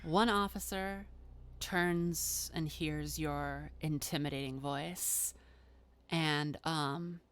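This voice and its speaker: A woman narrating as game master of a tabletop role-playing game, slow and hesitant with many fillers. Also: low voice, steady tone, clean tone.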